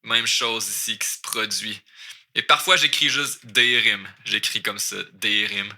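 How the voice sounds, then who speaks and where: A man's voice: fairly low pitch, fairly even intonation, pushed and bright. A man with a Québécois accent teaching French, explaining lyrics line by line and switching between French and English. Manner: mixes French and English, repeats words slowly.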